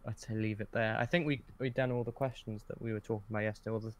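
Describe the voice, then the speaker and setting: A man with a lowish, steady voice talks rapidly as a guest on a podcast, chatting casually. He sounds hesitant and keeps correcting himself mid-thought.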